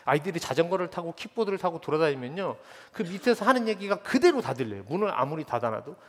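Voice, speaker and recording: Guy pastor preaching, slightly high voice that swings up and down a lot, big echoey church hall. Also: quick pace. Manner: animated storytelling, mimics children and teens. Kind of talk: sermon. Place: church sanctuary.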